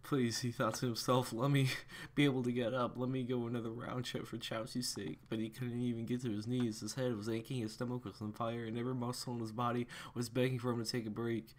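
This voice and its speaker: A man's voice: medium pitch, level tone, fast talker. A young man casually reading fan fiction aloud, stumbling over words and correcting himself as he goes. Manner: stumbling, self-correcting, chuckling asides.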